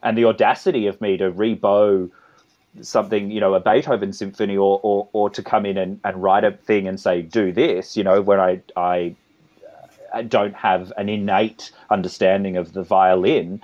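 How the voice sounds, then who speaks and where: Australian guy, low voice, talks in loops with lots of restarts, kinda dull lo-fi audio. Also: level tone, normal speed, a little mellow. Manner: rambling, many restarts and asides. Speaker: composer and conductor guest. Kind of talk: conversational interview.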